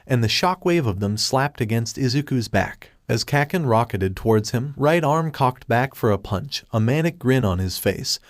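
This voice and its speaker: A man reads a fan fiction story aloud in steady, even scripted narration. His voice sits at a middle pitch and the recording is dry and close, with no room around it. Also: moderate pace, few pauses, no room sound.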